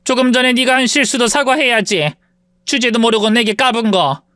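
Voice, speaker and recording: A woman's voice: normal speed, dry recording, lightly acted. A woman voicing an arrogant, spiteful rich middle-aged woman who bullies and insults in an audio story, in a dry close recording. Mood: smug. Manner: sneering, insulting, shrill when shouting.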